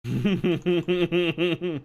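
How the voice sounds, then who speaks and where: A man's voice: fairly high pitch, drawn-out words, darkish tone, lo-fi sound. A man chatting casually on a live game stream, rambling, self-mocking and laughing often. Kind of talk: casual live-stream chat while gaming.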